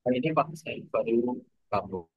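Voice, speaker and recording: A man's voice: medium pitch, lively intonation, normal speed, slightly rough, highs cut off. A man asking a question in an online class over a video call, his audio breaking up and cutting in and out. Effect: choppy audio cutting in and out.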